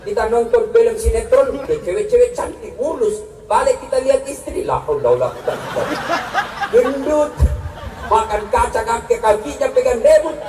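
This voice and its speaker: High-voiced joking preacher man. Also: moderate pace, over loud music. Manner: joking, animated, acts out quarrels in high and low voices. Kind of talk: humorous sermon to a live audience. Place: large hall with a live audience. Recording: echoey, from far off, crowd and noise behind.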